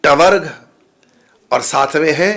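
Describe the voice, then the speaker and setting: A man with a somewhat high, bright voice gives a religious teaching talk. He explains pronunciation patiently, repeating syllables one by one in a measured, instructive way. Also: gravelly. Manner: patient, repeats sounds slowly for listeners. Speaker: spiritual teacher.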